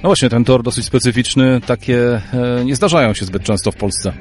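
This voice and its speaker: A man's voice: medium pitch, a little fast, soft background music. A male sports reporter interviewing riders and a coach and reading results, asking short leading questions.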